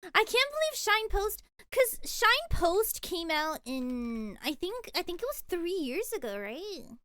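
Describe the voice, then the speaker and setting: A young VTuber streams casually, gushing, giggling often, and repeating words as she reacts and answers chat. Her very high voice swings widely in pitch, moves slowly, and has a sharp tone with no room sound.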